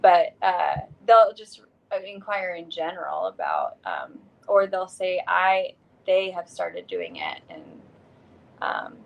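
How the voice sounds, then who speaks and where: Young woman guest, giggly and hesitant, lively pitch with a gravelly fry. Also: takes it slowly, lo-fi sound. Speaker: podcast guest. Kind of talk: casual chat.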